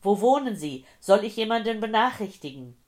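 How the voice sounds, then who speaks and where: A woman voicing a frantic old man with a rough voice who shouts and pleads in an audiobook. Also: deep voice, slow pace. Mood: shouting.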